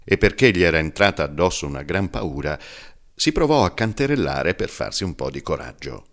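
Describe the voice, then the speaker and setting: Deep-voiced man reading a storybook. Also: a little fast. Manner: expressive storytelling. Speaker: audiobook narrator. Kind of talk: scripted narration.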